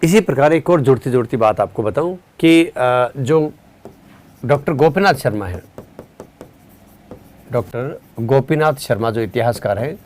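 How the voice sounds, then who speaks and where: In a live online exam-prep session, a male instructor speaks at a medium pitch and a relaxed pace. He's weary from a long day but keeps quizzing the class and responding to chat.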